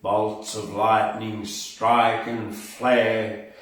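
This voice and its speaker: A man with a lowish, flat voice hosts a casual live poetry reading for his poetry podcast, reciting verse and making event announcements. He's unhurried and deliberate, turning dramatic when reciting, and he sounds distant from the mic in a very echoey room.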